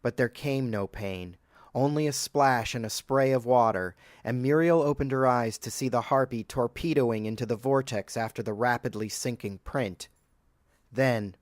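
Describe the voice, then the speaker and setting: A man narrating a horror audiobook in a measured storytelling manner. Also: fairly low pitch, no echo. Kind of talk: scripted narration.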